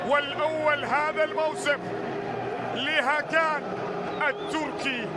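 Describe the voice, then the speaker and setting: Guy commentating football, super high excited voice, repeats stuff, really loud crowd noise all over it. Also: unhurried. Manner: emphatic, repeats phrases and names. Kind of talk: excited live match commentary. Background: roaring crowd.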